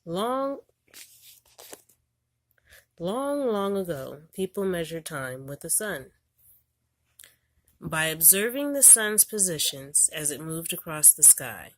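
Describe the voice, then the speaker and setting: A homeschool parent with a low, slightly bright voice reads aloud from an educational children's picture book. She phrases each line deliberately, as though telling a story to young learners.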